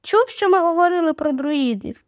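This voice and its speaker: Woman reader voicing a teasing, eager young girl; high voice, dry close sound. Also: lively intonation, normal speed, no room sound. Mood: excited. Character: lively excited young girl, curious sister.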